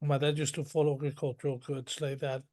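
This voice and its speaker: Fast-talking and a little mellow, this fairly high-voiced man from northern Mexico appears as a guest in a conversational interview. His pitch barely moves as he winds through long, detailed memories, doubling back and restarting his sentences often.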